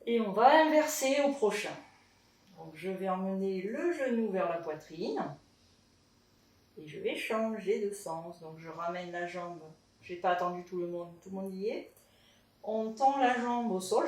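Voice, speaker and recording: A woman's voice: mid-range voice, lively intonation, unhurried, darkish tone, recorded from a distance. A woman teaching a pilates class at home, chatty and encouraging as she guides the moves. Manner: chatty and encouraging, tags lines with "hein". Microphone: camera in front of her. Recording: echoey room, voice from afar.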